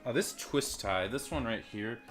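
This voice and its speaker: This toy reviewer has a deep, expressive voice and a moderate pace, speaking over music. His unboxing chat is casual and rambling, self-deprecating, with offhand swearing. He is captured on a desk microphone and a phone mic.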